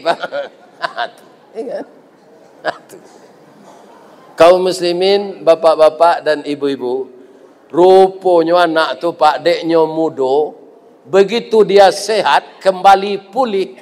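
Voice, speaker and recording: A man with a Minangkabau accent preaching a sermon, telling a story with lively asides and jokes for the congregation. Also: on the high side, in a large hall. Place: mosque.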